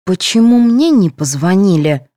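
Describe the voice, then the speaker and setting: A woman's voice: mid-range voice, big pitch swings, measured pace, mellow, no echo, studio quality. A woman voicing a jealous, sulky teenage girl who complains resentfully in an audiobook. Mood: sulking. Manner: whiny, resentful.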